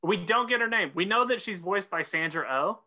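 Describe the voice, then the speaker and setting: A man's voice: high voice, animated, fairly quick, bright, forceful tone. A man from Oklahoma chatting casually on a podcast in a modest, understated way. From Oklahoma, United States. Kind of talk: casual chat.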